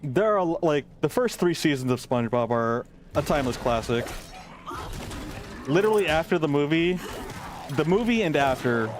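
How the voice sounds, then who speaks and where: A man's voice: on the high side, lively intonation, moderate pace, a little hiss or hum. Rambling man streaming a game. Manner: rambling, lots of "like" and "um" fillers. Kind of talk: casual gameplay chat.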